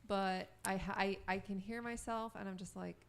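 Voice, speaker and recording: A woman co-hosting a podcast in casual chat, rambling and giggly, with a strong vocal fry. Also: mid-range voice, steady tone, moderate pace. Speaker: podcast co-host.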